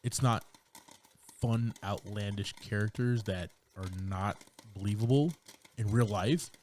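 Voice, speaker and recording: A man co-hosting a casual movie-review podcast, relaxed and chatty, often calling his friend "man" and "brother.". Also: fairly low pitch, measured pace, slight background noise. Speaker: podcast co-host.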